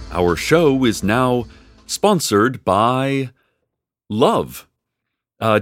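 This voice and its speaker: An actor playing a wry male community radio host in a scripted radio drama, speaking in a dry, deadpan way. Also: dry recording. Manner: dry, deadpan delivery with lively swings in pitch.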